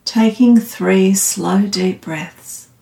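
A woman guiding a meditation in a calm, meditative, soothing tone, unhurried and leaving long pauses. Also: mid-range voice, gravelly. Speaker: meditation guide. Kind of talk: guided loving-kindness meditation. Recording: roomy, slightly echoing sound.

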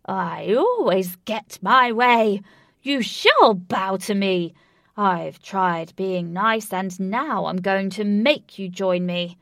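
A woman's voice: mid-range voice, a little slow, gravelly, dry recording, studio quality. A woman voicing a sinister, tantrum-prone male tempter spirit in a storybook reading. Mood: menacing. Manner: menacing, coaxing, loud and drawn out.

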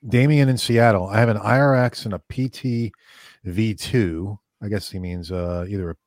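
A man hosting a casual podcast, relaxed and agreeable, reading listener questions aloud. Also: on the low side, normal speed, no room sound, studio quality. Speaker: podcast host.

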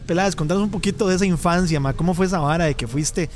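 Easygoing host. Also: male voice, sits high, quick pace. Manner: easygoing, eager questions, slangy. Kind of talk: casual interview.

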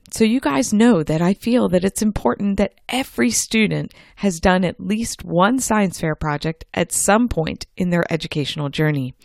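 A woman's voice: fairly low pitch, dry recording, clean studio sound. A middle-aged woman presenting a scripted instructional science show in an upbeat, encouraging manner. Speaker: host of a homeschool science show. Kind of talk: scripted podcast narration, instructional.

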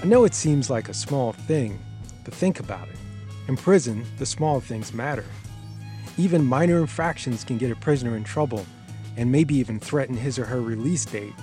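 A man narrating a documentary in a measured, scripted, explanatory way. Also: mid-range voice, lively intonation, warm tone, faint music behind.

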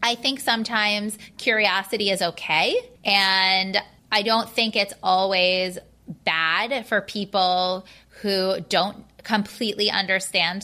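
A woman host with a bright, forceful voice chats candidly with her guest. She talks in an animated, storytelling way, full of asides. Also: mid-range voice. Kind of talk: conversational interview.

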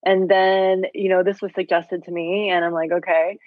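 A woman in her forties talks in a lively, rambling way, packed with "like" and "you know". Her voice comes through a thin, tinny line that sounds phone-like. The sound is dry, with no room around it. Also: on the low side, moderate pace, no room sound. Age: 40s. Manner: chatty, filler-heavy, animated retelling. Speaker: health coach, guest. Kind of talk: candid interview storytelling.

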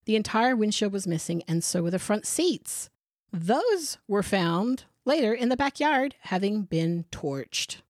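A woman's voice: medium pitch, sing-song, unhurried, darkish tone, no echo, studio quality. A woman co-hosting a true crime podcast, narrating case details and bantering in a blunt, sarcastic way. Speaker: podcast co-host.

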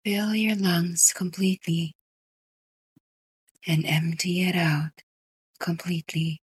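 A woman guiding a sleep meditation in a soft, breathy whisper. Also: lowish voice, no room sound. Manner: slow, soft whispered delivery. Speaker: meditation guide.

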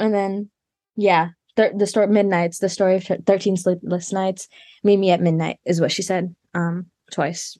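A woman's voice: mid-range voice, darkish tone, dry recording, clean studio sound. A woman vlogging in casual chat, rambling with lots of fillers and restarts.

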